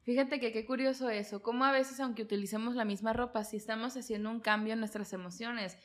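A woman's voice: on the high side, fast. Laughing woman host in her twenties. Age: 20s. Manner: laughs often, animated storytelling. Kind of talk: casual interview chat.

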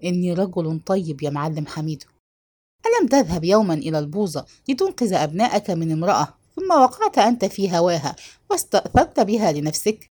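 A woman voicing a stern, determined old man who speaks gravely in a measured way in a read-aloud story. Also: on the low side, sing-song, darkish tone.

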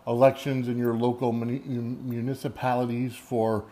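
American guy doing a solo podcast, regular pitched voice, rambles and keeps hunting for the right word. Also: flat delivery, mellow, slight background noise. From United States. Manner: rambling, halting, often searching for words. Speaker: podcast host. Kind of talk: unscripted solo podcast monologue.

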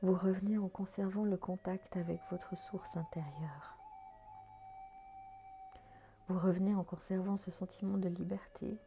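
A woman leading a guided meditation in a soft, half-whispered voice. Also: lowish voice, fairly even intonation, normal speed, slight background noise. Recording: soft background music.

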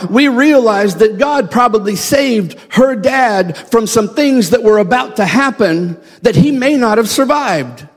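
High-voiced preacher telling his story. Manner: storytelling, acting out the people he quotes. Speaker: missionary preacher. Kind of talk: sermon. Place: church sanctuary. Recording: echoey church hall.

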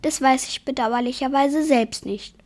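A woman's voice: high voice, normal speed, darkish tone, voice pushed up, natural voice. A shy, easily startled female yeti who longs to dance, voiced by a woman. She talks in a lifted, airy voice and stumbles over her words when frightened. This is a storybook reading. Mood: anxious. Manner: anxious, flustered stammering. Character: timid female yeti, huge, furry, dreams of ballet.

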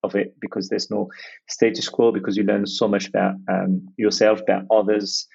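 Fairly low and level, at a moderate pace, the man's voice is creaky, darkish, and slightly rough, captured on a muffled recording. He is from France and, as a podcast guest in a reflective conversational interview, speaks hesitantly with many fillers and restarts.

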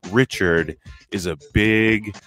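A man with a deep voice hosting a podcast in casual, profane, drawling banter into a studio microphone. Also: slow pace, fairly bright tone. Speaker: podcast host.

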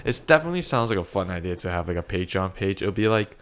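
A man co-hosting a casual unedited podcast, talking in a rambling, lively way with lots of fillers into a handheld mic he keeps moving. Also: sits low, quick pace, clean tone. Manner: rambling, animated storytelling with frequent fillers. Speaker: podcast co-host. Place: restaurant restroom. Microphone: handheld mic, distance shifting.

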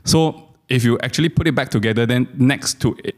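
A man's voice: mid-range voice, fairly quick. A man co-hosting a talk, explaining things in a casual conversational way.

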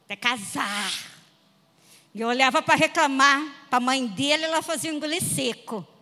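A Brazilian woman preacher telling a funny personal testimony in an animated storytelling manner. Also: high-pitched, normal speed, long reverb tail. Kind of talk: humorous sermon testimony.

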